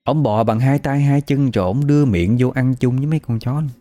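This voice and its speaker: Speaking fairly quickly at a medium pitch, this man has a mellow voice captured in a dry recording. With his Southern Vietnamese accent, he retells an eerie folk story in a chatty, gossip-filled manner.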